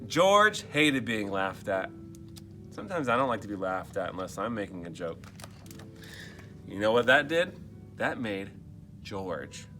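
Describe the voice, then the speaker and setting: Soft music plays behind a man reading a picture book to children in a fairly low, sing-song voice that sounds bright and forceful. His pace is measured with long pauses, and he breaks off into muttered asides and questions for the kids.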